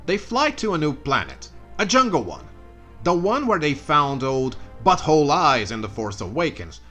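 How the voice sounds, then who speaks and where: A man's voice: a little high, very animated, normal speed, sharp tone, faint music behind. A man narrating a comedic retelling of a story with sarcastic asides and mock outbursts.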